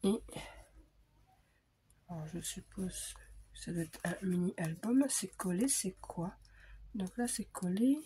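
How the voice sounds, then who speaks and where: A woman vlogging casually as she unpacks scrapbooking supplies, thinking aloud with frequent hesitations and quiet murmured asides. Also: on the low side, lively intonation, slow pace, long pauses, slight background noise. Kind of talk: casual unboxing chat.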